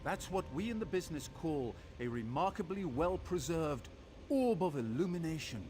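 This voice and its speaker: Theatrical scholar with very lively pitch. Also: male voice, moderate pace, slight background noise. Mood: pleased, explanatory. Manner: theatrical, erudite, wordy. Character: eager, chatty male scholar of ancient ruins and machines. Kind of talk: scripted video game character dialogue.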